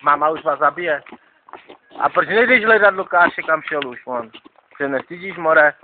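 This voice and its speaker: A man, rambling in slangy street talk and tossing in "more", being interviewed outdoors at night on a handheld camera. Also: a little high. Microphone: handheld camera mic. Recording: lo-fi noisy handheld camera audio.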